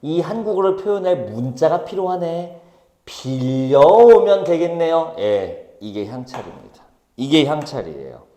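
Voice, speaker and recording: A man teaching a high school Korean class, brisk and teasing, calling on students by name. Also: very animated, dark tone. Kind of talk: classroom lecture. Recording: echoey classroom.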